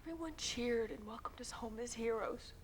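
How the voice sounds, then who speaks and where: Actress as an earnest female Gulf veteran, soft, slightly high voice. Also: moderate pace, slight background noise, natural voice. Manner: quiet, earnest, drops to a near whisper. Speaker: Gulf War veteran in counseling group. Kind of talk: film drama.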